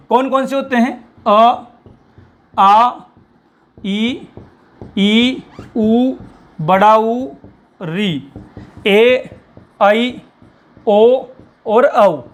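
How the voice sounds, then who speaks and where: A man's voice: very high voice, animated, extremely slow, long pauses. A man teaching a Hindi grammar lesson in a patient classroom manner, often asking questions and then answering them himself. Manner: patient, repeats reminders to pay attention. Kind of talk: classroom lecture.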